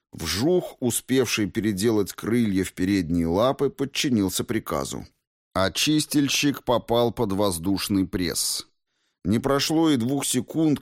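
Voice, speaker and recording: A man's voice: fairly low pitch, no room sound, studio quality. A man reading a first-person audiobook in a terse, tense way. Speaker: audiobook narrator.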